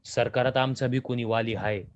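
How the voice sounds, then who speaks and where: A man's voice: medium pitch, fairly even intonation, normal speed, highs cut off, close to an everyday voice. Man doing a defiant laborer. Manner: blunt, indignant. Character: defiant poor rural laborer man, proud.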